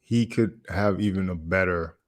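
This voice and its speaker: Casting: male host, lowish voice, casual reaction commentary, chatty and repetitive. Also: normal speed. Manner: chatty, laughs often, repeats phrases.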